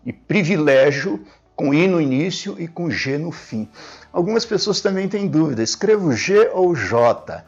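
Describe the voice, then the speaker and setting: A man's voice: fairly high pitch, expressive, measured pace, husky, highs cut off. A man teaching a spelling lesson at a board, explaining each point methodically and repeating it, often tagging sentences with "né?". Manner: didactic, repeats key points with frequent "né?". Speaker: Portuguese language teacher. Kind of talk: classroom grammar lesson at a board.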